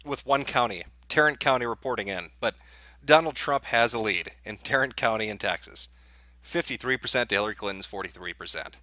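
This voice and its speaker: With a bright, forceful mid-range voice and a fairly quick pace, a livestream host acts as an off-the-cuff election night analyst. He reads results and muses out loud in loose live commentary, and the recording has no room sound.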